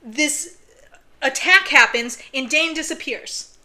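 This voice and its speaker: A woman co-hosts a podcast in casual conversation. Her voice sits on the higher side and has a bright, crisp edge. She eagerly builds on her partner's points with string after string of questions. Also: takes it slowly. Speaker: podcast co-host. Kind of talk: casual chat.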